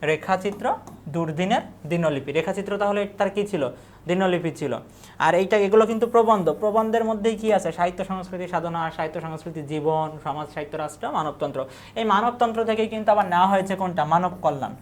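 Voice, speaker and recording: A woman teacher works through an exam-prep lecture in a voice pitched a little low. She poses questions and answers them herself, repeating key words as she goes. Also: quick pace, slight background noise.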